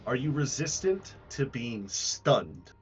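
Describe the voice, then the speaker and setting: Man, game master, tabletop role-play narration, mid-range voice, deliberate dramatic pauses, muffled recording. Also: mid-range voice, sing-song, husky, soft background music.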